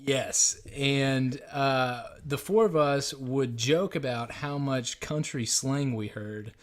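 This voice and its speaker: A man's voice: medium pitch, takes it slowly. A man, co-hosting a casual podcast and telling rambling stories with casual swearing. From Missouri, USA. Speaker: podcast co-host. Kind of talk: casual chat.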